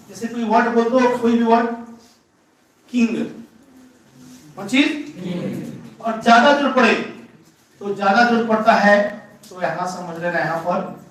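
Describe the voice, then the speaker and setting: A high-pitched male teacher lectures a grammar class, going over each rule again and quizzing his students. His voice lands from a distance in a strongly echoing room. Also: fairly bright tone. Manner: repeats points, poses rhetorical questions to students. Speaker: English teacher. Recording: very echoey room, voice from far off the mic.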